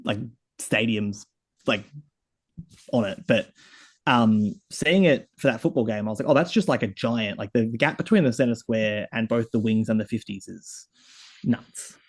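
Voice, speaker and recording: A man's voice: on the low side, normal speed, husky. A man hosting a casual podcast chat, rambling with lots of fillers. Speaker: podcast host.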